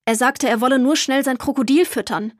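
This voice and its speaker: A woman's voice: high-pitched, fairly quick, dry recording, voice pushed up. Flustered storybook father, defensive, read by a woman; dry booth sound.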